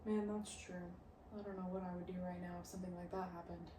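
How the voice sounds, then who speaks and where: A woman's voice: lowish voice, level tone, quick pace, warm tone. A laid-back woman in her late twenties chats on a podcast and laughs often. She sounds a little distant from the mic, in an echoey room. A faint hiss sits behind her voice. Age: late 20s. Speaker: podcast co-host. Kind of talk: casual chat.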